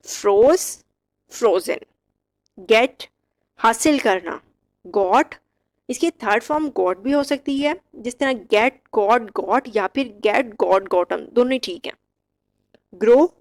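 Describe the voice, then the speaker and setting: A woman teaching English verb forms, reciting each word slowly and clearly with short explanations. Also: fairly high pitch, lively intonation. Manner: slow, drilled word-by-word recitation. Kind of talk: vocabulary lesson.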